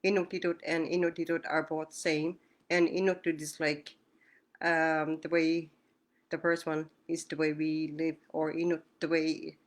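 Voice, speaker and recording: A woman's voice: low-pitched, little pitch movement, moderate pace. A woman teaching a language lesson on a video call, patiently repeating words and answering questions.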